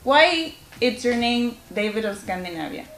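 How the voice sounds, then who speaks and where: A woman hosting an interview asks her questions politely, in a somewhat higher voice. The sound is roomy and echoey, as if recorded in an open room. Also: sing-song, moderate pace, fairly bright tone, soft background music. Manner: polite, encouraging, frequent backchannel. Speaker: interview host. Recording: roomy echo.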